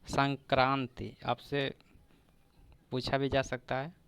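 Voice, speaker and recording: A man teaching a grammar lesson for exam preparation, slowly breaking down each example word by word and repeating it. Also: mid-range voice, completely flat delivery, gravelly, fairly bright tone, clear, resonant tone, dry recording.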